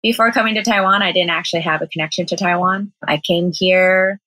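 Brisk and steady, this young woman's lowish voice has a sharp tone, recorded roughly with no echo. She's a vegan cafe owner from Southern California with an American accent, chatting casually as an interview guest, laughing often and saying "like" a lot.

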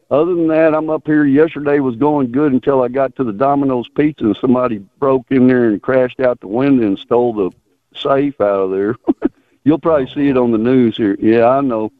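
Male radio caller, folksy and halting, mid-pitched, tinny narrowband phone sound. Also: no echo. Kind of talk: casual rambling chat.

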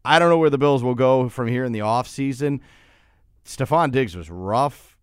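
A man's voice: mid-range voice, normal speed, clear, resonant tone, dry recording. Male sports radio host, close dry sound. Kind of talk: casual sports talk and commentary.

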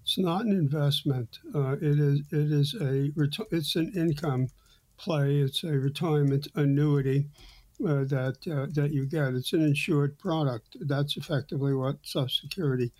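A man hosting a financial talk show, answering retirement questions in a halting way with many fillers and restarts. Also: fairly high pitch, steady tone, darkish tone. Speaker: financial advisor host.

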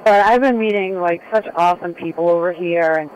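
A tired woman chatting excitedly over a crackly long-distance phone line, swearing casually as a radio show regular calling in. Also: lowish voice, brisk. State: tired from no sleep.

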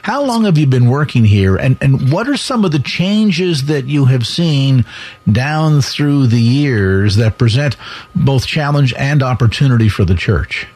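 Husky-voiced radio show host. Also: male voice, medium pitch, lively intonation, a little mellow. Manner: long, measured questions. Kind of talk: radio interview questions.

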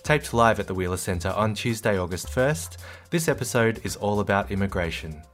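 A man reading a scripted podcast intro in a smooth, formal announcing manner. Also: lowish voice, lively intonation, normal speed. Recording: faint music bed under voice.

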